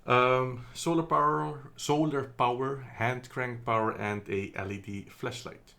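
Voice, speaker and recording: With a steady, mid-range voice that has vocal fry and a pushed, bright quality, a Dutch man talks through a product review at a measured pace. He's chatty but hesitant, with many ums and corrections, recorded indoors on a phone camera.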